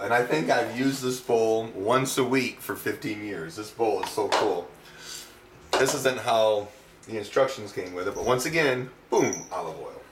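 A man's voice: medium pitch, background noise. A middle-aged man hosting a home cooking demonstration, talking casually with wry, self-mocking, rambling asides. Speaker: home cooking show host. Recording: roomy echo, distant mic.

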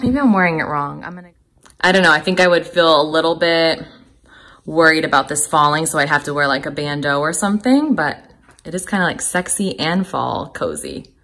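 Chatty and enthusiastic, a woman in her thirties comments on outfits for her casual vlog, recorded on a handheld phone in her furnished home. Her voice is on the low side with a fairly bright tone, and her delivery stays informal and upbeat.

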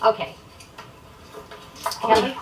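Fussing woman fashion show presenter. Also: slow. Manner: fussing, calls people darling and sweetheart. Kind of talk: live event commentary. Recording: distant mic with noise.

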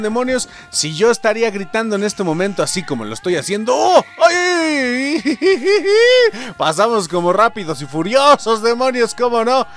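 Loud, excitable man. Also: high voice. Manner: loud, shouting and laughing often, swears. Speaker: gaming youtuber. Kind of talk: excited gameplay commentary. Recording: game music behind the voice.

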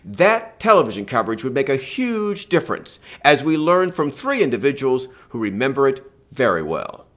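An older man with a mid-range voice narrates a scripted history lesson from a room at home with a bookshelf and a lamp. His delivery is measured and expressive, like a storyteller.

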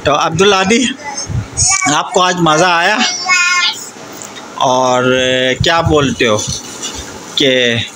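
Speaking very slowly with long pauses, a vlogger in his thirties with a somewhat high voice chats to viewers and urges a child along. The audio from the restaurant and themed cafe, partly outdoors, is very noisy.

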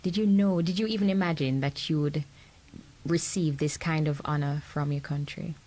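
A woman with a Jamaican accent hosts a radio interview from a small studio, speaking into a boom-arm microphone. Her voice sits a little low for a woman, and her manner is upbeat and welcoming. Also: normal speed, warm tone. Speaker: host.

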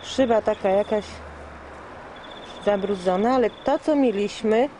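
A woman's voice: medium pitch, normal speed, dark tone, a little hiss or hum. A woman chatting casually with her family at home, explaining things to the children, heard on an old VHS home video recording through the camcorder microphone. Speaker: mother filming family at home. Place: home, near a lizard tank.

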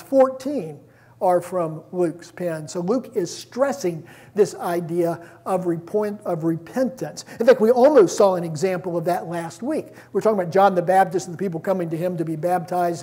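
Guy preaching a church sermon, husky voice, easygoing, restarts a lot. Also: high voice, a little mellow. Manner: conversational preaching with restarts and quoted scripture.

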